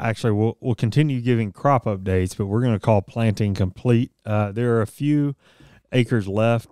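A man's voice: on the low side, darkish tone, smooth, no echo. A man in his thirties co-hosting a farm news podcast in a small studio, talking casually and reading crop statistics with frequent fillers. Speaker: podcast co-host. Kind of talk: casual radio-style news chat. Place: small studio office with bookshelves. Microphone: studio mic on boom arm, headphones.

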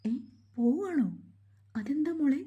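A woman's voice: mid-range voice, expressive, normal speed, phone-quality sound, close to an everyday voice. A woman voicing a kind, motherly older housekeeper who fusses and coaxes with worried questions. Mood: alarmed. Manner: doting, coaxing questions.

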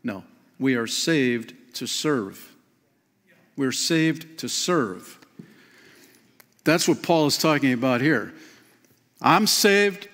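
A man in his fifties preaching a sermon from a lectern in a church, lively and emphatic, often calling listeners "man" and "friend". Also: mid-range voice, slow, pauses often. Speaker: pastor. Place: church stage behind a clear lectern. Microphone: lectern mic. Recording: long church hall reverb.

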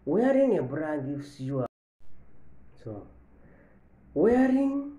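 A man in his thirties giving a health lesson to camera from an office, slowly repeating each point and stressing the key lines. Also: a little high, big pitch swings, warm tone. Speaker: medical educator. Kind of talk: health education talk to camera. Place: office with large window, indoors. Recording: echoey room.

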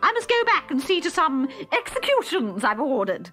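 A woman voicing an imperious, raging queen with a screeching, shrill delivery in a children's storybook reading. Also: very animated, a bit bright, soft background music. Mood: bossy. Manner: bellowing commands, drawn-out words.

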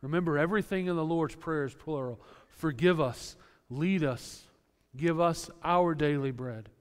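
A male pastor delivers an earnest sermon in a smooth, resonant, slightly high voice. He explains scripture with homely everyday examples, and his words ring out with the long reverb of a church sanctuary. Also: moderate pace.

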